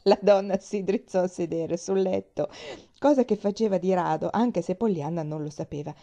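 A woman reading a storybook aloud, calm and measured. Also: lowish voice. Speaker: reader. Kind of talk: audiobook narration.

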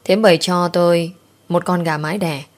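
A woman reading a first-person story aloud in a steady, emotive storytelling manner. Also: fairly low pitch, moderate pace. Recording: faint background music.

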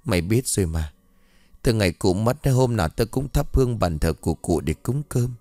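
A man's voice: on the low side, lively intonation, moderate pace, dark tone, dry recording, close to an everyday voice. A man voicing a stern, scolding old mistress. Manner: scolding, bossy.

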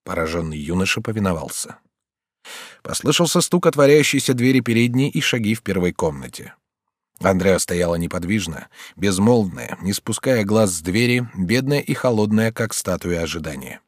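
Guy narrating an old novel audiobook, calm and measured, lowish voice, dry close mic. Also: no room sound. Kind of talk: audiobook reading.

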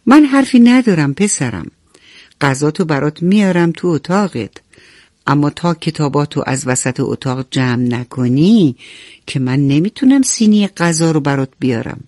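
A woman voicing a patient, gently firm mother in a bedtime storybook, coaxing and explaining. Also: sits low, animated, no room sound, clean studio sound. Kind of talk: storybook narration.

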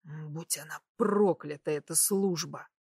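A woman voicing a young nobleman who speaks softly and persuasively, often in a near whisper, in an audiobook. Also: lowish voice, a little slow, dry recording, studio quality. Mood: bitter. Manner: soft, hushed, whispering.

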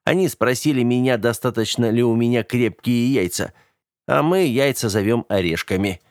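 A man's voice: medium pitch, moderate pace, a little mellow, dry recording, studio quality, natural voice. A man voicing a naive young fighter in an audiobook, earnest and a little hesitant. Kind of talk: audiobook character voice.

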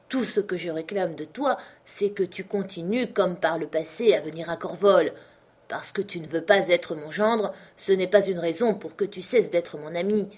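A woman reading a blunt, insistent old gentleman. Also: on the low side, breathy edge. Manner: insistent, brusque, commanding. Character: wealthy old man, blunt and generous host.

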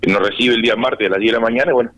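A man answering questions in a radio interview, halting and repeating words as he talks. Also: medium pitch, steady tone, a bit bright, low-quality recording.

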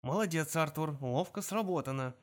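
A man's voice: fairly high pitch, expressive, normal speed, close to an everyday voice. A man doing an urgent, scheming alien hitchhiker. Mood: sly.

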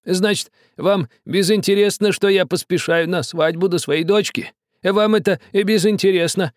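A man's voice: sits high, moderate pace, no room sound, clean studio sound, pitched above the performer's own voice, close to an everyday voice. A man voicing a stubborn, quarrelsome old village man who grumbles, wheedles and threatens. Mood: menacing.

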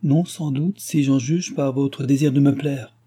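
Guy putting on a regal young princess voice, brisk and bossy but kind, mellow and husky. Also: medium pitch, fairly even intonation, voice pushed up. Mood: gracious, commanding. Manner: brisk, imperious, graciously warm. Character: young royal dauphine, gracious yet commanding woman. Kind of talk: audiobook character reading.

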